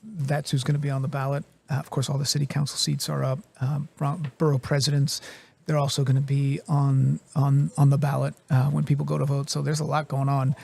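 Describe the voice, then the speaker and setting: Gravelly newsman talking through a live stream. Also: medium pitch, completely flat delivery, brisk, a little mellow. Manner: conversational, many fillers and restarts. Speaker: news reporter hosting a live stream. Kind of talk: unscripted live news explainer. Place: TV newsroom.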